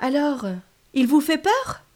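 A woman telling a story to children, lively and speaking straight to her listeners. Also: high-pitched, a little slow. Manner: lively, addresses listeners directly.

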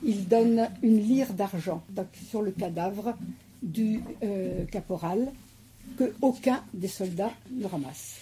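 A woman's voice: mid-range voice, takes it slowly, mellow, a little hiss or hum. A woman, a guest in a conversation, explaining a war novel and reading a passage aloud, hesitant with many fillers and restarts.

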